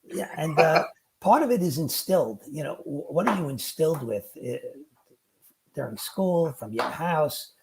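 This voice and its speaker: A man's voice: a little high, expressive, measured pace, creaky, background noise. A man co-hosting a casual talk show, making dry sarcastic asides. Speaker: podcast co-host. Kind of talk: casual chat.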